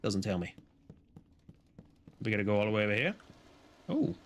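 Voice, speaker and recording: A man's voice: fairly low pitch, sing-song, moderate pace. A man streaming a game, chatting casually, rambling and joking with the odd swear. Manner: rambling, jokey, swears, laughs. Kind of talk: casual gameplay commentary.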